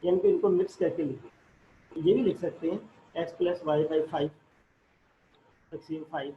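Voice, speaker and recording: A man's voice: on the high side, unhurried. A man teaching a math class, explaining step by step and asking and answering his own questions. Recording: echoey room, dull lo-fi audio, faint noise.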